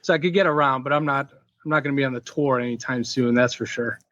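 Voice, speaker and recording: A man's voice: mid-range voice, fast, a bit bright, no echo. Male podcast guest, easygoing storyteller, lo-fi dry sound. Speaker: podcast guest, packaging inventor. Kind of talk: casual interview chat.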